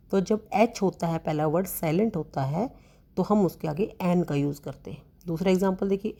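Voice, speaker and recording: A woman teaching a grammar lesson to students, explaining slowly and asking questions she then answers herself. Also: mid-range voice, warm tone. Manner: slow, explanatory, asks questions and answers them; addresses students as beta.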